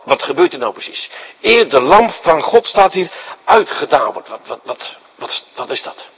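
Animated husky male preacher. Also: on the high side, low-quality recording. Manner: animated, rhetorical questions, acts out the story; swings between loud emphasis and quiet asides. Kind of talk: sermon to a congregation.

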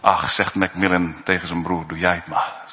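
A man preaching a sermon in a church, slow and emphatic, with pauses and rising calls. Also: low voice, little pitch movement. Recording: dull recording in a reverberant church.

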